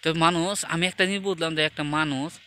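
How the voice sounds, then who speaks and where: A man telling a story to his viewers in a chatty, conversational way, often dropping into hushed tones. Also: on the high side, steady tone, fairly quick, slight background noise. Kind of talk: casual storytelling monologue.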